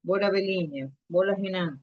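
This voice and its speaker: A woman's voice: fairly low pitch, moderate pace, no echo, dull audio. A woman teaching a live online Spanish lesson to children, patiently repeating letters and coaxing the kids to answer.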